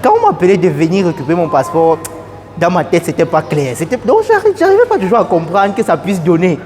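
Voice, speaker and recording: A young man giving an earnest, casual testimonial at an airport, repeating his phrases and getting animated. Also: sits high, fast. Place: airport, indoors.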